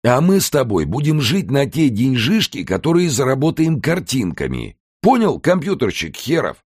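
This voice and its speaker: A man voicing a gruff, blunt older male artist in an audiobook. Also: mid-range voice, huge pitch swings, normal speed, a little mellow, no echo, clean studio sound, pitched above the performer's own voice. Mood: stern. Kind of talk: audiobook character voice.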